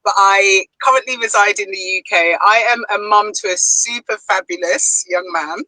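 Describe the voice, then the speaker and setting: A cheerful woman with a British accent introduces herself as a panel guest. Her voice is bright and friendly, and the sound is dry and close. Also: medium pitch, moderate pace, dry recording, low-quality recording. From Ghana.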